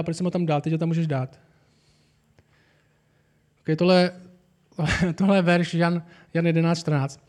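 A man preaching a sermon with earnest, building emphasis. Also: high voice. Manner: earnest, rising to animated emphasis.

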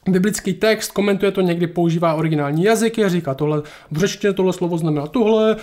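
A man's voice: high-pitched, darkish tone. A man hosting a listener Q&A, reading scripture and explaining it in an earnest, teaching way. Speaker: host answering listener questions.

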